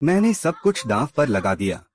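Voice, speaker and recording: A man's voice: medium pitch, very animated, normal speed, a little hiss or hum. A man narrating a drama recap in a scripted way, reading out every character's lines himself.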